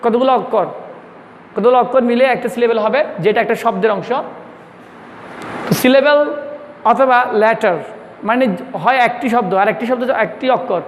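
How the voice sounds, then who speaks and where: A man teaching a grammar class, his voice sitting unusually high as he repeats each term and throws questions back at the students. The room rings with a long reverb. Faint traffic can be heard outside. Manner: repeats terms slowly, quizzes the class, mixes English in. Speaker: school English teacher.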